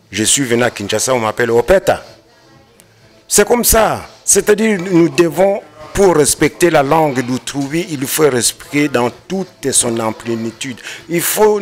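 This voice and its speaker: A man, a panel guest explaining his view and mixing in Lingala words. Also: mid-range voice. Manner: explanatory, mixes in Lingala, rises emphatically. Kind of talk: debate discussion.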